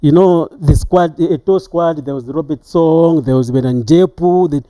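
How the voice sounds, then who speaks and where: A middle-aged Zambian-accented man, a retired referee, recounts his experiences in an interview, halting and repeating words as he goes. His voice sits a little high with a dark tone, and there's no echo.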